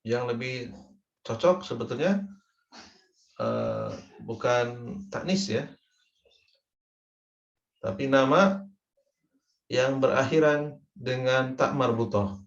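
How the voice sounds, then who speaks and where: A man's voice: mid-range voice, big pitch swings, takes it slowly, vocal fry, pauses often. Man, Indonesian accent, grammar teacher, patient repetition, dull roomy recording. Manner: patient, drills each word ending aloud in repeated patterns. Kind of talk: recorded lesson.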